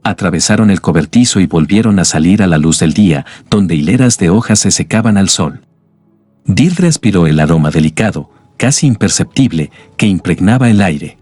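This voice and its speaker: A man narrating an audiobook story in a measured, even way. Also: low voice, dry recording. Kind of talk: scripted narration. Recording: dry studio voice with faint music.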